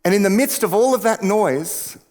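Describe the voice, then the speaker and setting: A male pastor preaching a sermon in a conversational way, dropping to hushed tones and rising to emphatic peaks. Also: high-pitched, lively intonation, moderate pace. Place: church sanctuary. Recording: church hall reverb.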